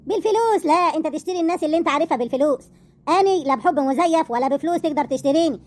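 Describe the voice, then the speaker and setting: Brief: woman voicing an Egyptian wife, high voice, fast, scornful retorts; audio drama. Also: animated, a little mellow. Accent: Egyptian Arabic. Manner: scornful, mocking, quick retorts. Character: bitter, sharp-tongued wounded wife.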